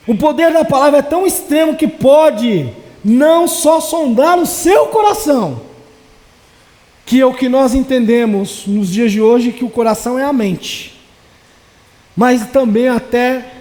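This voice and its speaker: A male pastor preaching a sermon with passion, swinging between loud declarations and soft, low asides. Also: long reverb tail. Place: church.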